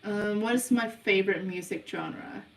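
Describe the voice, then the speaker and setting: A young woman from New Zealand hosts a casual livestream Q&A for a subliminal channel, reading viewers' questions aloud and answering unhurriedly and hesitantly with lots of ums. Her voice is medium-pitched and creaky, and it sounds roomy and far from the mic.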